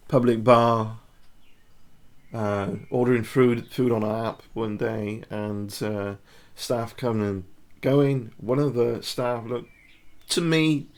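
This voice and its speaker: A man speaks at an unhurried, measured pace. His voice carries a gravelly, fry-heavy texture. He comments casually to camera on body language and coaches the listener through each pose. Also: mid-range voice. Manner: demonstrative, talks the viewer through poses.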